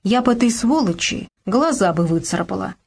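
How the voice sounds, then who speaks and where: A woman's voice: medium pitch, expressive, fairly quick, vocal fry, darkish tone, breathy edge. Woman reader doing a spiteful, snapping neighbour woman. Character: sharp-tongued angry neighbour woman.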